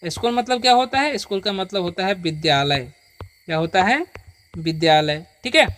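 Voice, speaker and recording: A patient teacher giving a beginner reading lesson. The teacher reads English words slowly, one at a time, for the listener to repeat, and keeps checking that the listener follows. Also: mid-range voice, lively intonation, fairly bright tone.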